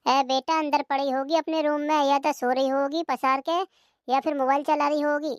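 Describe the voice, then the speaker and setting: A woman's voice: high-pitched, level tone, moderate pace, dry recording, studio quality, lightly acted. A woman doing a grumbling old cartoon mother-in-law. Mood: complaining. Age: older. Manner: complaining, sighing lament. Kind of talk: cartoon comedy dub.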